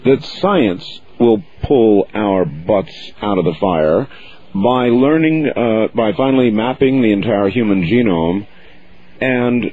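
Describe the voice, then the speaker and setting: A man hosting a call-in radio talk show, with a smooth radio host delivery and an easy, steady way of taking callers. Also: on the low side, slow. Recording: muffled radio broadcast with faint hiss.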